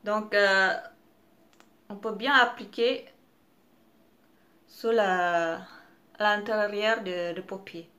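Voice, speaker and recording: A woman's voice: medium pitch, fairly even intonation, very slow, long pauses, pushed and bright. A young woman, not a native French speaker, reviewing makeup in a casual vlog, hesitant, with many fillers and restarts. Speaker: beauty vlogger.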